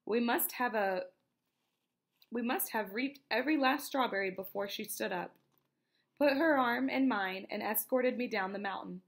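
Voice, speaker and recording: Gravelly woman reading a novel aloud. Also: fairly high pitch. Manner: steady, unhurried storytelling with asides. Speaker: reader.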